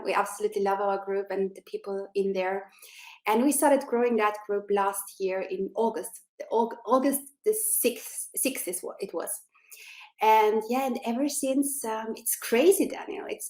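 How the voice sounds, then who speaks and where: A woman's voice: medium pitch, a little mellow, echoey room. A woman in her forties from Austria, an interview guest on a video call, chatting enthusiastically with many fillers. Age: 40s.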